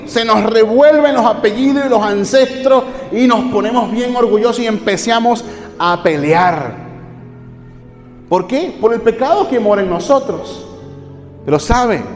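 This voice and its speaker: High-voiced preaching man in an echoey hall. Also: a little mellow. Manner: preaching with rhetorical questions and repeated appeals to "hermanos". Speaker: pastor. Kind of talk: sermon. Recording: echoey hall with faint music.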